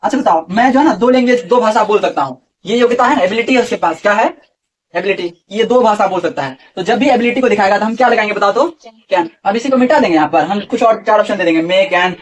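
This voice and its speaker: A man's voice: high voice, quick pace, recorded from a distance. A man teaching a grammar lesson to a class, often asking questions and repeating the answers.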